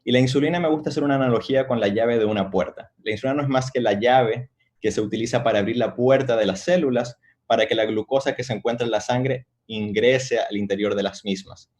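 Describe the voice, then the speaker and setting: A middle-aged man from Chile, a doctor giving an online medical lecture in a measured, explanatory way with frequent hesitations. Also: mid-range voice, a little mellow. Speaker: doctor, endocrinologist.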